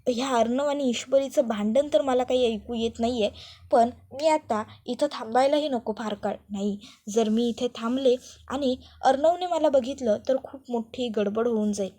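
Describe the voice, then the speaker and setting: A scheming young woman, voiced by a female narrator, mutters sly asides to herself in a high voice. The tone stays secretive and self-satisfied throughout this told serial drama. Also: normal speed, mellow, close to an everyday voice. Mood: anxious scheming.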